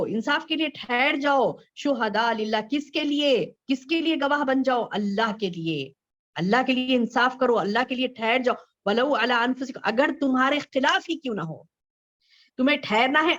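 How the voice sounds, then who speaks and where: A woman with a fairly high voice preaching to a women's gathering, circling back over her points and asking the listeners questions. She slows down to recite scripture, then explains it. The recording sounds dull and lo-fi. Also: fairly bright tone. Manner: repeats phrases and asks rhetorical questions; recites Arabic verses slowly, then explains them. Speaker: female Islamic scholar teaching women. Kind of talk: religious lecture.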